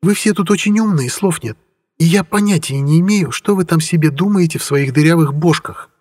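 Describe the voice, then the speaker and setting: A man voicing a sly, sharp-tongued young witch in an audiobook, talking in a teasing, knowing, mock-patient way. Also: sits high, a little fast, long reverb tail, pitched above the performer's own voice. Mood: coaxing. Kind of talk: audiobook character voice.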